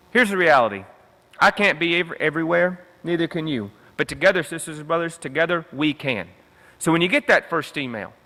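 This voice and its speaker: A man's voice: on the high side, bright, forceful tone. A young man giving an emphatic convention speech with a repetitive rallying cadence, as a union veterans leader. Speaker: union veterans council director. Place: convention hall. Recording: echoey hall reverb.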